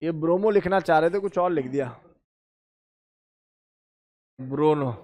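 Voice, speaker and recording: A chemistry teacher, a man with a high voice, runs a lively exam-prep lecture. He drills his students by counting positions aloud and calls them beta and bhai, and his comes through on the technical terms. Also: fast. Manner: addresses students as beta and bhai, asks and answers his own questions.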